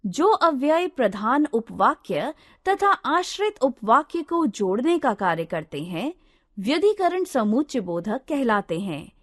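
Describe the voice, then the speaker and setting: Woman, scripted lesson narration, high pitch, deliberate listing of examples. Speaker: teacher. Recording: long hall reverb.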